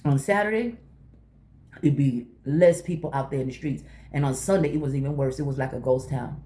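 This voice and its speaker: A middle-aged woman chatting casually to viewers while eating, telling stories in an animated way and acting out conversations. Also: rumbling low, a little fast. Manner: talking while eating breakfast. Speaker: vlogger.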